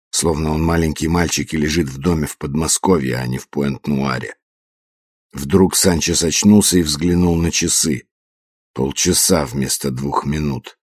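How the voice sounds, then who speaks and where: Deep husky male audiobook narrator. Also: darkish tone, dry recording, clean studio sound. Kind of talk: scripted narration.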